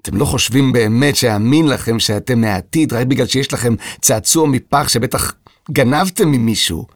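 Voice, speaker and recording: A man's voice: mid-range voice, no room sound, clean studio sound, lightly acted. A man voicing a polite, earnest young boy composer in a children's audio story. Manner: polite, earnest, slightly prim.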